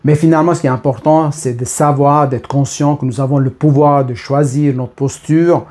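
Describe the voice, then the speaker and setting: A man's voice: a little high, steady tone, normal speed, a little mellow. A man in his thirties talking casually and spontaneously to camera, rambling with many fillers and restarts. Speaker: vlogger.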